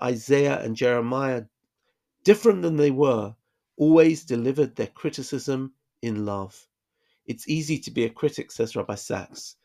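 A man's voice: medium pitch, vocal fry, a little mellow. A man giving a casual Bible study lesson, reading Hebrew verses aloud and explaining them in plain English. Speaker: Bible teacher.

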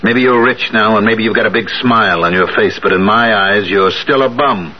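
Male actor as an unforgiving middle-aged father, 1970s radio drama; deep, clipped and contemptuous, muffled lo-fi broadcast sound. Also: moderate pace, close to an everyday voice. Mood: cold, scornful. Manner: curt, clipped and scornful. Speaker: stern father of the sweetheart.

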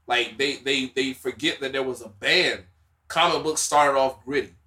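Podcast co-host, man, Southern drawl, animated and bright-toned. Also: mid-range voice, normal speed. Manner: animated, laughs often, says "bruh" a lot. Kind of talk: casual chat.

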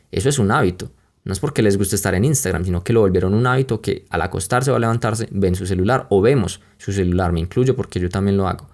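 A young Colombian man with a Colombian accent hosts a podcast, telling a personal story reflectively and conversationally, speaking straight to his listeners. His voice is on the low side and a little mellow, with music playing underneath.

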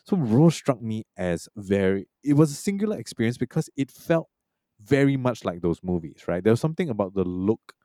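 Casting note: very low, dark-toned man, loose rambling film chat with a dry close sound. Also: very animated, fairly quick, no echo. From Malaysia and Singapore. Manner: rambling, many fillers and restarts. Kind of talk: casual film discussion.

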